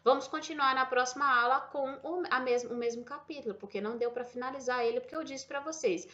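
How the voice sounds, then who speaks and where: A woman with a bright, fairly high voice gives a casual online English lesson, spelling out examples and repeating each word. She often checks in with her students as she goes. The sound is dull and lo-fi. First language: Portuguese. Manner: explains slowly, repeats words, checks in with "tá?". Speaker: English teacher.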